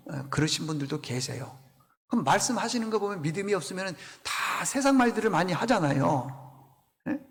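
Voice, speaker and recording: A man preaches in a high voice, telling a scripture story with animation. He keeps turning to his listeners with questions, and a long church reverb hangs after him. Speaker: pastor. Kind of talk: sermon. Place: church sanctuary.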